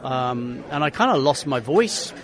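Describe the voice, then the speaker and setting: A racing driver being interviewed tells his story with energy, acting out quotes and restarting many times. His voice is mid-range and unhurried, with crowd noise around him.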